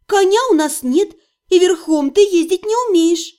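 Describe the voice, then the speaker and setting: A woman voicing a sharp-tongued young witch heroine in an audiobook, quick-tempered and indignant. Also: extremely high pitch, pitched above the performer's own voice. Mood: teasing, wistful. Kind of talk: audiobook reading.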